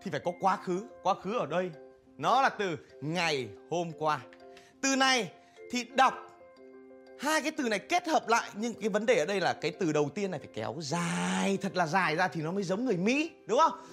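A man's voice: high-pitched, expressive, brisk, a bit bright, faint music behind. An actor playing a young man who poses as an English tutor, fawning and bluffing in a comedy sketch.

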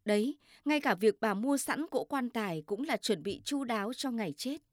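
A woman narrating a story in a measured, steady reading. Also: a little high, dry recording, studio quality.

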